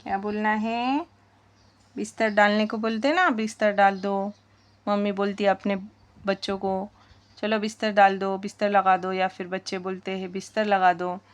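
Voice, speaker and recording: A woman's voice: mid-range voice, little pitch movement, normal speed. A woman teaching spoken English, repeating sentences word by word and quizzing her viewers.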